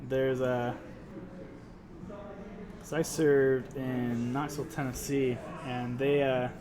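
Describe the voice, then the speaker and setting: A man's voice: medium pitch, level tone, slow pace, a crowd in the background. Casual man with a Utah accent. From Utah, United States. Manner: laid-back, drops his T's. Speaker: host, miniature painting instructor. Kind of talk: casual painting tutorial with chat.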